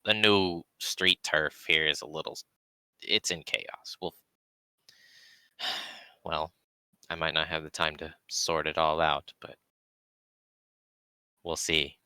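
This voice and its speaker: A man playing a tabletop role-playing game in casual chat, laughing often and halting with many fillers. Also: very deep voice, fairly even intonation, bright, forceful tone, clean tone, no echo.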